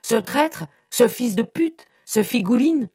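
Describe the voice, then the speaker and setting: A woman voicing a hot-tempered young man who shouts and sneers vulgar insults at his family, in a dark, gravelly voice. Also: on the high side, expressive, takes it slowly, no echo, studio quality, voice pushed up. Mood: furious shouting.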